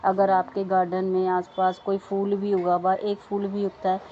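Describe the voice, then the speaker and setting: A woman's voice: medium pitch, completely flat delivery, moderate pace, muffled recording, a little hiss or hum. A woman with children giving an earnest devotional talk to listeners, repeating words of thanks and chanting mantras. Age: adult with children.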